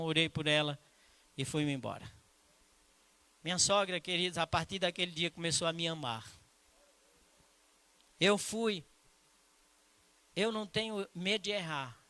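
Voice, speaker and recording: Emphatic preacher. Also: male voice, high voice, clear, resonant tone, no echo. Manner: storytelling, emphatic, then slow and hushed in prayer. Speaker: pastor. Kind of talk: sermon. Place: church.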